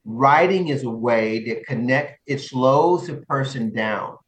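A man coaching and co-hosting, telling stories in a casual chat, animated and laughing often. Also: mid-range voice, takes it slowly, roomy sound, far from the mic. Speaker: coach and podcast co-host.

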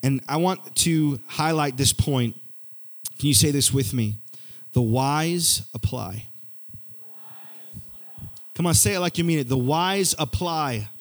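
Young male youth pastor, slightly high voice, lively repetitive church sermon. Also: slow, long pauses. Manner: energetic, repetitive, conversational preaching.

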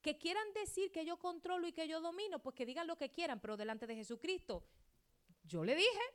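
A woman's voice: very high-pitched, expressive, a little fast. Dramatic woman pastor preaching a sermon. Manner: dramatic, acts out quoted dialogue, wide swings between loud and hushed.

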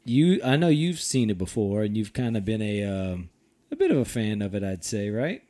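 A man hosts a loose, casual podcast chat. He swears freely and laughs often, and his pitch swings widely from low to high. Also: sing-song, normal speed, mellow. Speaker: podcast host.

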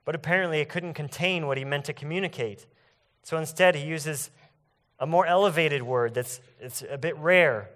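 A man's voice: fairly high pitch, fairly bright tone. Earnest man preaching a sermon. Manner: earnest, emphatic preaching with slowed, stressed phrases. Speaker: pastor.

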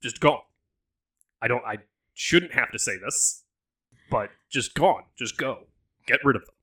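A man's voice: mid-range voice, animated, measured pace, breathy edge, full character voice. Zordon, a man doing a stern Southern mentor. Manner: loud, firm, scolding. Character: exasperated wise male mentor, floating head.

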